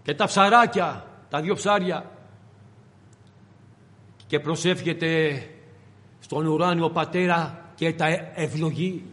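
A man's voice: on the high side, pauses often, a bit bright, big-room sound. A man preaching a sermon in a dramatic way, acting out the voices of figures from scripture.

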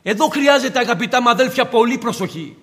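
A man's voice: very high voice, animated, a bit bright. A man preaching a fervent sermon to his congregation and acting out the dialogue he quotes. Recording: long hall reverb.

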